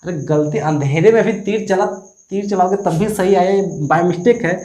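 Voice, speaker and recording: A man's voice: high-pitched, moderate pace, mellow. A man from Jharkhand teaching a math lesson in casual Hindi, asking and answering his own questions with a teasing manner. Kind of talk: casual classroom tutorial. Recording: echoey room.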